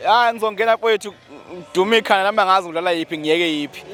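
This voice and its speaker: A man's voice: sits high, rapid-fire, a bit bright, faint music behind. A man with a Zulu accent, a musician talking casually as an interview guest in a humble, thankful, repetitive way.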